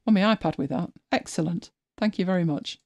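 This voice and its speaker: A woman's voice: fairly low pitch, a little fast, darkish tone, dry recording, lo-fi sound. A woman hosting a live stream, chatting casually as she walks viewers through her screen, thinking aloud and often restarting her sentences. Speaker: host.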